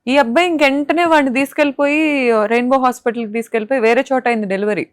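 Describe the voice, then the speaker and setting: Clean studio sound and a dry recording carry this young woman's high voice as she talks fast. An interview guest from Andhra Pradesh, India, she gives emotional testimony with impassioned indignation and sharp rhetorical questions.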